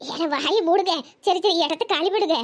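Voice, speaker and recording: A woman voicing a bossy, nosy old village grandmother in a Tirunelveli Tamil accent, scolding and calling out loudly. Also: extremely high pitch, a little fast. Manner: scolding, teasing, calls out loudly. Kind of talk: cartoon comedy voice acting.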